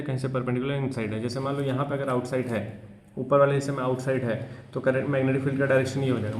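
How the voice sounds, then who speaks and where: A man's voice: mid-range voice, darkish tone. Man lecturing in a roomy echo. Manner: explains in casual Hindi, reading English textbook lines slowly. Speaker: physics teacher. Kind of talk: class lecture. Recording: echoey room with faint hum.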